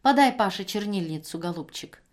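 A woman's voice: mid-range voice, animated, fairly quick, close to an everyday voice. A woman reader voicing a hardworking foster mother who speaks firmly and with command. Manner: firm, commanding.

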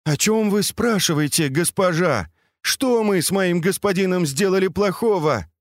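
A man's voice: high voice, normal speed, no echo, clean studio sound, voice pushed up, natural voice. A man reading aloud, voicing a terrified male servant who pleads and explains timidly. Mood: pleading.

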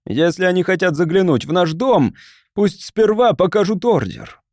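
A man's voice: high voice, lively intonation, normal speed, no room sound, pitched above the performer's own voice. A man reading an audiobook and voicing a defiant man who angrily lectures a crowd. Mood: angry, defiant. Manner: forceful, indignant, declaiming. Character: angry, defiant man facing a mob.

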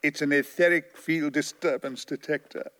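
An actor playing an eccentric, blithely unconcerned middle-aged alien time-traveller in an audio drama, breezy and theatrical. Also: male voice, a little high, fairly even intonation, moderate pace, fairly bright tone, lightly acted. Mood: cheerful, boastful.

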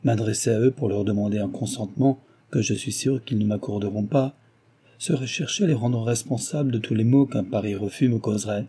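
A man's voice: lowish voice, brisk, dark tone, slightly rough. A man voicing an ardent, passionate young suitor in an audiobook, pleading with energy. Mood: impassioned. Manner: impassioned, pleading.

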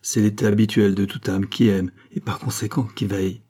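A man reading an audiobook, voicing a proud, wounded queen who speaks with sharp irony and rising fury. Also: fairly low pitch, level tone, normal speed, slightly rough. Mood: furious.

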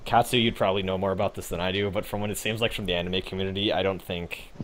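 A man's voice: sits low, fairly even intonation, quick pace, a crowd in the background. A young man co-hosting a gaming podcast, chatting casually in a rambling, laid-back way with frequent swearing and fillers. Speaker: podcast co-host.

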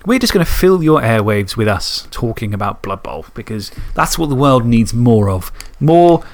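A man's voice: mid-range voice, very animated, normal speed. A man co-hosting a podcast in casual, rambling, self-mocking chat. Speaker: podcast co-host.

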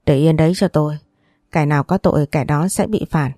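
A woman's voice: low voice, brisk, warm tone, dry recording, studio quality. A woman reading the part of a stern, commanding elderly grandmother in an audiobook, with a scolding, authoritative manner.

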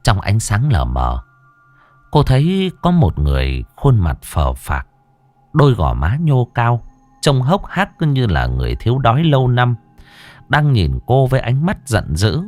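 Male storyteller, very animated pitch, dry close recording with soft music. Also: unhurried, dry recording. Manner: lively, dramatic delivery. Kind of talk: ghost story narration.

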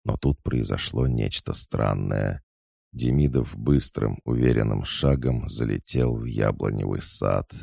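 A man's voice: very deep voice, a little slow, vocal fry, warm tone, husky, no echo, studio quality. A man reading a novel aloud, with dramatic, mocking storytelling. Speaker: audiobook narrator. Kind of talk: scripted narration.

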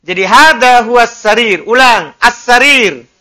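A man's voice: very high-pitched, expressive, measured pace, pushed and bright. A man teaching an Arabic lesson in a classroom, drilling students with repeated prompts and light teasing.

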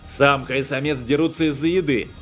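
A man's voice: mid-range voice, steady tone, brisk, soft background music, close to an everyday voice. A man reading an audiobook, voicing an earnest male spacer who pleads and encourages. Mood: pleading.

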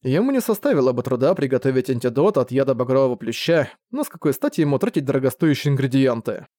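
A man's voice: mid-range voice, expressive, fast talker, mellow, no room sound. Male audiobook narrator with a dry sound.

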